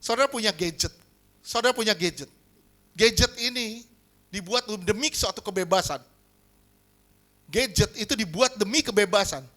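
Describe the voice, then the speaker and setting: Guy preaching, high pitched, keeps asking the crowd if they agree. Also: normal speed, pauses often. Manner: lively preaching, asks the congregation to agree. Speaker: pastor. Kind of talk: sermon. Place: church hall.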